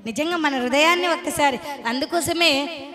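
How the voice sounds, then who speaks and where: A woman's voice: high voice, normal speed. A woman with a Telugu accent preaching a sermon at a women's church meeting, often putting questions to the congregation. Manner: asks the congregation questions, rising emphasis on key points. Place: church hall with a gathered audience. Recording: crowd audible behind.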